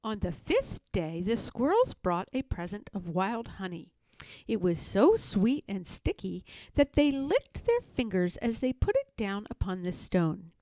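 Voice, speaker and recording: A woman reading a children's story aloud as an expressive narrator. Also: medium pitch, unhurried, dry recording, poor audio. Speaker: storybook reader.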